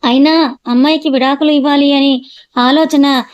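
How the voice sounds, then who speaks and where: A woman's voice: high-pitched, fairly even intonation, moderate pace, no echo, muffled recording, close to an everyday voice. A woman voicing a playful, wry middle-aged mother in an audio story.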